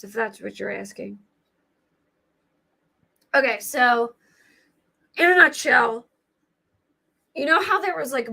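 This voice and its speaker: A gravelly, somewhat bright, fairly high female voice with an American accent, scratchy on this day. She's a livestream host rambling casually about true crime cases, thinking aloud as she goes.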